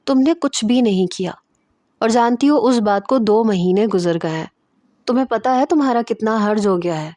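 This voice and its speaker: A woman's voice: fairly high pitch, dark tone, no room sound, lightly acted. A woman voicing a caring young female cousin who speaks in a soothing, reassuring way.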